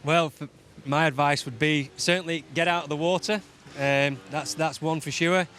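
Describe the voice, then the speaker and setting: A man, a veteran rider guest, giving measured, practical advice on a talk show. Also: on the high side, steady tone, a bit bright, a little hiss or hum.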